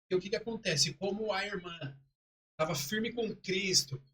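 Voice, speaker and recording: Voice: medium pitch, moderate pace, pushed and bright, far from the mic, a little hiss or hum. A co-host of a church live stream preaching emphatically with rhetorical questions. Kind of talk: preaching commentary.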